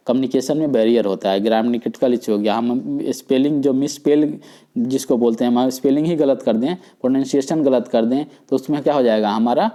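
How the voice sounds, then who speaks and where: Mellow-voiced male communication teacher. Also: mid-range voice, low-quality recording. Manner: explanatory, repeats points with everyday examples, mixes English terms into Hindi. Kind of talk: recorded lecture on communication skills.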